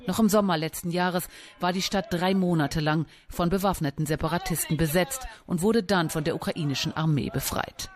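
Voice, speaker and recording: A woman reporting as a news correspondent, reading her report clearly and answering live with some hesitations. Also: lowish voice, moderate pace. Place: on location outdoors.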